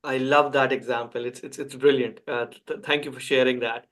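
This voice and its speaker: A man's voice: medium pitch, flat delivery, a little fast, a bit bright. A man hosting a podcast interview, eager and stumbling, repeating words as he asks questions. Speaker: podcast host.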